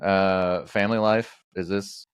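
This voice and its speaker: A man's voice: low-pitched, flat delivery, a little slow, smooth. A man hosting a podcast, chatting casually with lots of jokes, fillers and restarts. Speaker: podcast host. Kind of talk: casual interview chat.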